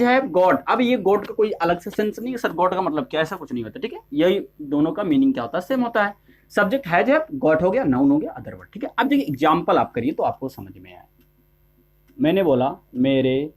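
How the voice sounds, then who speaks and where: Man teaching English grammar, often asking "ठीक है?". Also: sits high. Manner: repeats "ठीक है?" to check on students; asks questions and answers them himself. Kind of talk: classroom lesson explaining grammar.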